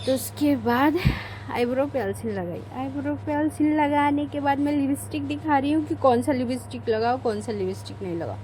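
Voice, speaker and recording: A woman's voice: high voice, normal speed, a little hiss or hum, poor audio. A young woman vlogging at home, chatting her way through getting ready and often correcting herself mid-sentence. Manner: rambling, self-correcting, homely. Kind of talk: chatty get-ready-with-me narration. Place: home bedroom. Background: child crying and shouting.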